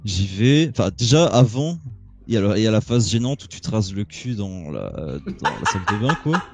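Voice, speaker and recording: A man casually telling a crude personal story in a relaxed, joking chat, laughing as he goes. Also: lowish voice, normal speed, slightly rough, no echo.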